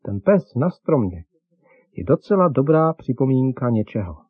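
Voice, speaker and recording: A gentle, kindly father in a children's radio story speaks to his boys in a soft, instructive tone, as a man narrator puts him on. His voice is slightly husky, and the recording is dull and dry. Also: mid-range voice, sing-song, no room sound. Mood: teaching.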